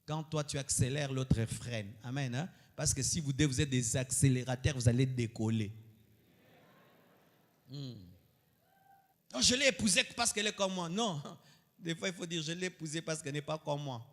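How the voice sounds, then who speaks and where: A male pastor preaches, swinging between soaring, high-pitched exclamations and hushed, confiding asides. His voice sits a little above the usual male pitch. It carries a long hall reverb behind it. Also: lively intonation, normal speed. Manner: preaching with sudden loud high outbursts and quiet asides. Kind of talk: sermon.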